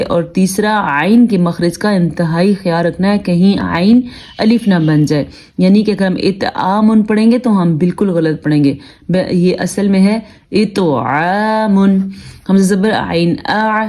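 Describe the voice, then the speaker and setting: Woman teacher with soft, mellow tone. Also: medium pitch. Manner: slow drawn-out recitation between brisk explanations. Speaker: Quran reading teacher. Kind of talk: spelling out and reciting letters for learners.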